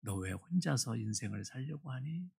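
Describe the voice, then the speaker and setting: A preacher giving voice to a gentle divine presence that speaks quietly and consolingly to a believer in distress. The tone is husky, with a slight gravelly texture. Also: male voice, lowish voice, level tone, brisk, voice pushed down, exaggerated voice. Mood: tender.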